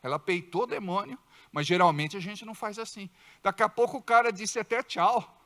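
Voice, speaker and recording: Bright-voiced Brazilian pastor preaching. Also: male voice, high voice, a little fast. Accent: Brazilian Portuguese. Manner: acts out quoted voices with sudden loud outbursts. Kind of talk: sermon. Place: church.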